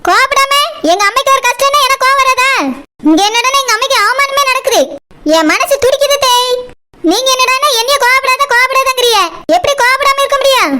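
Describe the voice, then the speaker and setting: A woman's voice: very high voice, quick pace. A woman voicing Saroja, an angry young wife defending her mother, speaking in an in a heated, protesting way. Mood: indignant. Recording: loud background noise.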